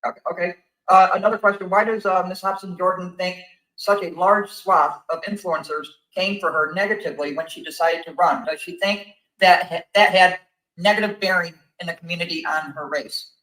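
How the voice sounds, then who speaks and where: A man asks interview questions hesitantly, filling pauses with uhs. His voice is bright and slightly high, in a roomy, echoing recording. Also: fairly even intonation. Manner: hesitant, filler-heavy.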